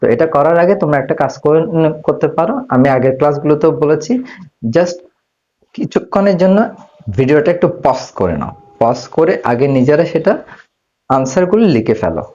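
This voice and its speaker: A man's voice: a little high, animated, mellow. Man teaching English grammar. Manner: asks questions and answers them himself; slows down to spell out English words. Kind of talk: grammar lesson. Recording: slightly dull lo-fi audio.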